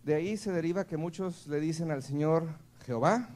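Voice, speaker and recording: A man's voice: a little high, brisk, darkish tone. A man with a Mexican accent preaching a sermon at a church service, speaking conversationally and checking in with the congregation again and again. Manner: playful, laughs between points. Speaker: pastor.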